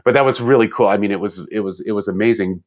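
A middle-aged German orchestra musician chats casually in an interview, laughing often and restarting his sentences. He talks fast in a lowish voice, and the audio sounds dull.

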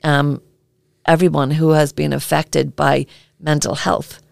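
Gravelly, flat-toned Irish woman. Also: low voice, no room sound, clean studio sound. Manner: earnest, halting, with many filler ums. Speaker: podcast co-host. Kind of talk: casual podcast chat.

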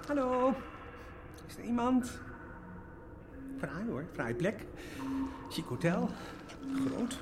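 A woman's voice: a little high, very animated, slow pace, pauses often, background noise. A woman playing a timid, fussy little creature recruit in a children's drama, talking in a hesitant mutter. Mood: disgusted, muttering. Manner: hesitant, muttering, easily disgusted. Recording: music under the voice.

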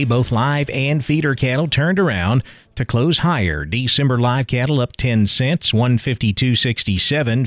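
A male radio anchor delivers scripted market news in a measured broadcast manner. His pitch is mid-range and the sound is close and dry. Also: no echo.

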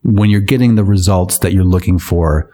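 A man's voice: sits low, normal speed. Sarcastic man reading odd news. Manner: sarcastic, deadpan asides. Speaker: podcast co-host. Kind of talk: comedic news-reading chat.

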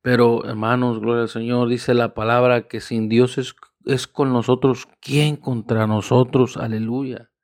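A man preaching a sermon, fervent and punctuating his phrases with praise and calls to his listeners, slowing down to stress key words. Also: mid-range voice, little pitch movement, a little mellow, no echo, clean studio sound. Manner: fervent, repeating "aleluya" and "hermano" between phrases.

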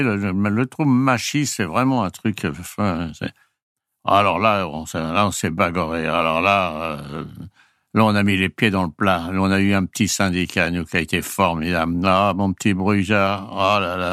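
A man's voice: lowish voice, fairly bright tone, no room sound, clean studio sound. An older man, a retired flight crew member, casually telling anecdotes in a rambling way, often chuckling and restarting his sentences.

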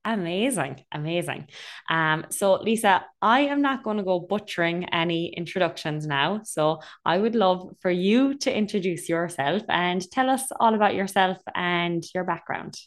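Lowish-voiced Irish woman hosting. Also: animated, normal speed. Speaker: podcast host. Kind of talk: conversational interviewing.

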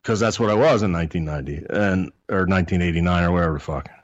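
A man's voice: low voice, very fast, dry recording, highs cut off. A man in his fifties, a podcast guest, rambling through a profane story in casual talk.

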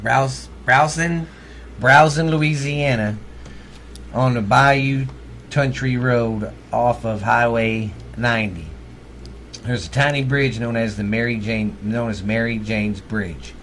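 Slow and medium-pitched with a somewhat bright tone, a middle-aged Texan-accented man from Texas chats about ghost stories as a podcast co-host, with slight background noise. He's blunt, jokey, and profane.

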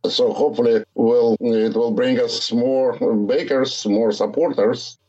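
An older man with a Russian accent talks unhurriedly and searches for his words, with small pauses along the way. The audio comes through slightly muffled and dull. His voice sits at an ordinary middle pitch for a man. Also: fairly even intonation, mellow. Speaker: guest, startup founder. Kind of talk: casual interview.

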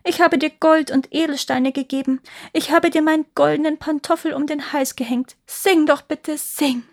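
A woman's voice: fairly even intonation, moderate pace, darkish tone. A woman playing a dying old emperor, frantic. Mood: pleading. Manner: desperate, high-pitched pleading. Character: dying old male emperor, terrified, pleading.

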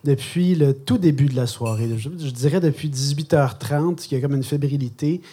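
A man's voice: a little high, moderate pace, mellow, husky. A man hosting a live evening, announcing in a playful, mock-formal way. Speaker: host, master of ceremonies.

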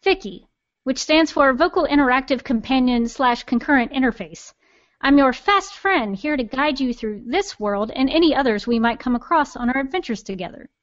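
A woman's voice: high voice, expressive, normal speed, lo-fi sound. A woman voicing a snarky female smartphone assistant with a nasal voice and plenty of attitude, in an audio drama. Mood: chirpy.

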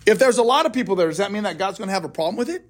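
Very fast and animated, the pastor's voice sits high as he leads a casual Bible study in a church classroom. He rattles off questions to the group conversationally, supplying his own answers too.

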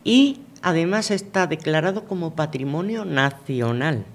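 A man's voice: on the high side, lively intonation, unhurried. A man from Venezuela co-hosting a casual radio chat, rambling and repeating words while he looks for them. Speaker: radio co-host. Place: local radio studio.

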